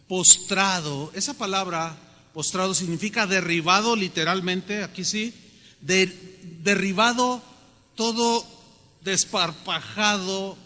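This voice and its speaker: A man preaching a sermon, animated and often questioning the congregation. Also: high voice. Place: church hall. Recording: long hall reverb.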